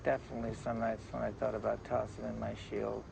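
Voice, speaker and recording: An actor playing a hardened undercover cop in a crime drama, terse and streetwise. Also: male voice, lowish voice, monotone, fast talker, creaky, background noise.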